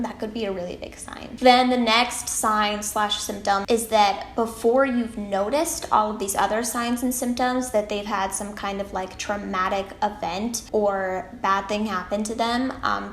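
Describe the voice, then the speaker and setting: A woman's voice: medium pitch, vocal fry. A teenage woman talking to her camera at home in a chatty, rambling, upbeat way as a vlogger. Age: late teens. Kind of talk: casual talk to camera. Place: room at home, echoey. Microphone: camera mic. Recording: echoey room, faint background noise.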